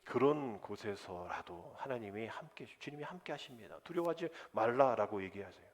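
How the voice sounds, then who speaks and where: A man preaching a sermon as pastor, lively and conversational, acting out the voices of people he quotes. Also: fairly low pitch, moderate pace. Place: church sanctuary. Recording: long church hall reverb.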